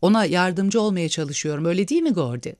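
A man's voice: high voice, lively intonation, quick pace, a little mellow, dry recording, studio quality. A man voicing a drunk, meddling young man who keeps reproaching a friend in a read-aloud story. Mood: needling.

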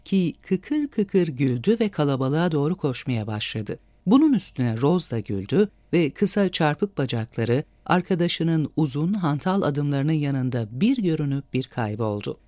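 Expressive man narrating an audiobook. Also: fairly high pitch, dry recording. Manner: expressive, measured storytelling. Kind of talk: scripted narration.

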